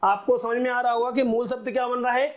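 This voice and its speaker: A man's voice: very high-pitched, little pitch movement, fast talker. A male teacher giving a classroom lecture, asking the class short questions and answering them himself.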